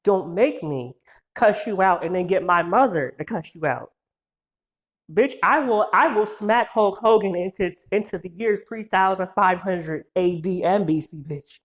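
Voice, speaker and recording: A woman's voice: on the low side, a little slow. A woman in her twenties ranting through a casual storytime video, cursing freely, rambling, and laughing often. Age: 20s. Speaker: vlogger.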